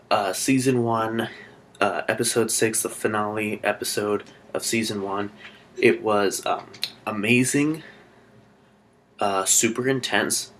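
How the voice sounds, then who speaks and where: Male YouTuber from Alaska, mid-pitched, chatty and excitable, rambling episode recap. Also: a little hiss or hum. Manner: rambling and excitable, with many fillers and restarts. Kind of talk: casual spoken review vlog.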